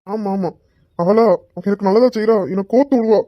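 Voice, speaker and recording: A woman's voice: mid-range voice, normal speed, dry recording, close to an everyday voice. A woman playing a cheeky young man who whines and talks back to his bossy elder cousin in a comedy sketch. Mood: complaining. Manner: whiny, cheeky backtalk. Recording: dull, dry lo-fi recording.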